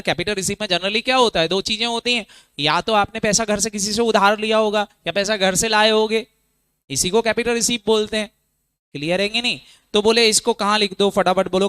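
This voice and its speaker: A man teaching accounting in a classroom lecture, speaking Hindi mixed with English terms and drilling students with quick call-and-response questions. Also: sits high, sharp tone, clean tone, no echo.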